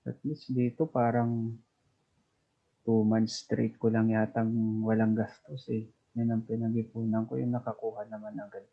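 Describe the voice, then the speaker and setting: A man from the Philippines, a guest overseas worker, chatting casually in an unhurried, easygoing way over a remote call. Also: on the low side, little pitch movement, gravelly. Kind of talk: casual chat. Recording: dull lo-fi call audio.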